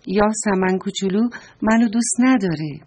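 A woman's voice: mid-range voice, a little mellow, breathy edge, close to an everyday voice. A woman voicing a sad, lonely talking doll in a children's story, speaking plaintively.

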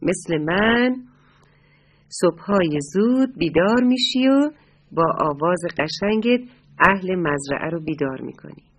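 Brief: gentle rooster dad read by a woman, reassuring, slightly breathy voice. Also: on the low side, expressive. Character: wise, kindly father rooster of the farm.

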